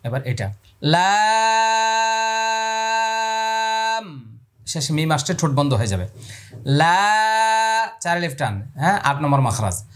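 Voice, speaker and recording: A man teaching Quran pronunciation step by step, explaining calmly and then drawing out each letter sound in long calls. He asks his own questions and answers them for the viewer. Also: medium pitch, fast, slightly rough.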